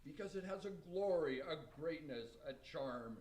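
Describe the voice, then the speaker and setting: A man's voice: fairly high pitch, lively intonation, normal speed, darkish tone, lightly acted. A man playing a wise, kindly Santa, earnestly declaiming rhymed verse in an amateur radio play. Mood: earnest, lyrical. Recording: roomy echo, distant from mic.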